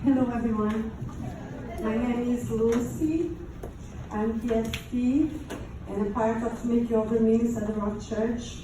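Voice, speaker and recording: A Brazilian woman whose first language is Portuguese gives personal testimony as a survivor before an audience in a large, echoey room. Her high voice stays fairly even, and her English is halting, with non-native phrasing and a Brazilian Portuguese accent. The distant mic picks up heavy echo and faint noise.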